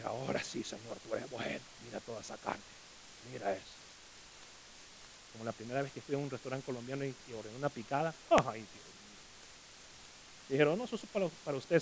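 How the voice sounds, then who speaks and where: Lively male pastor preaching. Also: fairly high pitch, noisy background. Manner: lively preaching with comic asides. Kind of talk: sermon.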